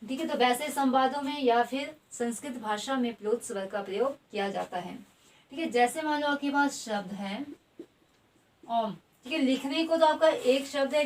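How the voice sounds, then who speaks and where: A woman with a fairly high voice teaches an exam grammar lesson. She keeps checking in with the class and drags out each vowel as she lists them. She sits a little back from the microphone. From India. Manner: repeats "ठीक है" constantly, spells out vowels slowly. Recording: voice at a distance from the mic.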